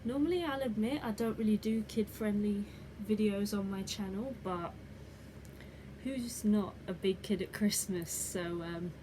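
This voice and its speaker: Female channel host, casual and slow-talking, introducing bedtime reading over clear background noise. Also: medium pitch, warm tone. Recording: clearly noisy background ambience.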